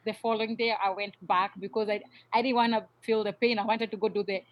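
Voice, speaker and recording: A woman from Kenya with a Kenyan accent, a guest on a podcast talking casually with frequent small pauses. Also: medium pitch, dry recording, lo-fi sound. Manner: relaxed, many "uh" pauses. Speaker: podcast guest, yoga teacher trainer. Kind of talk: casual interview chat.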